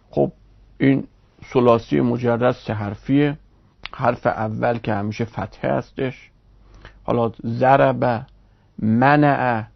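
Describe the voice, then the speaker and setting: A man teaches a recorded online grammar lesson, laying out each point slowly and pausing to think. His voice has a gravelly edge at a middling pitch. The recording sounds dull and lo-fi. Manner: measured, explanatory, with pauses and fillers.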